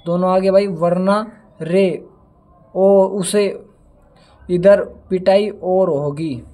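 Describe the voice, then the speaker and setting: High-voiced young man teaching chemistry. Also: a little mellow. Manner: chatty, addresses students as dear children; stumbles over element names, says sorry. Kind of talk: casual classroom lesson with mnemonics.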